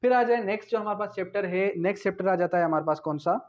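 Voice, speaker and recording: In rapid-fire delivery and a high-sitting voice, a man with a Pakistani accent teaches a law lecture, questioning and answering himself as he explains. English terms are mixed into his Urdu, and the recording is dull and lo-fi.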